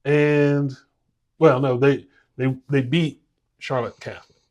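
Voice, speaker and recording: Slow, hesitant man talking sports. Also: mid-range voice, steady tone, darkish tone. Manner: unhurried, hesitant with fillers. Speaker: podcast co-host ranking high school teams. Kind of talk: casual sports talk.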